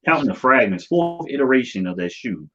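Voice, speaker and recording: A man's voice: medium pitch, sing-song, fairly quick, a crowd in the background. An American man chatting casually and informally in slang as the host of a livestream. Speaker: livestream host of a YouTube channel. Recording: dull, lo-fi stream audio.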